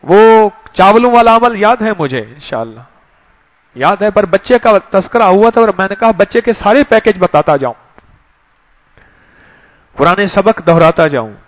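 Impassioned man preaching, lively high voice. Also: long pauses. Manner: emotional, repeats phrases, recites verses. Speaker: religious speaker. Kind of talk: sermon. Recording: dull lo-fi recording.

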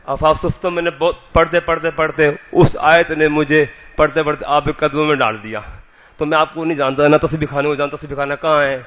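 A man recounts his dreams haltingly, looping back over the same words and restarting phrases. His voice sits a little high for a man. The sound is thin and tinny, like a radio or phone line. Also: little pitch movement. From Sindh, Pakistan. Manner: repetitive, stumbling, restarts phrases. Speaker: visitor telling his dreams. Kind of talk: halting personal testimony.

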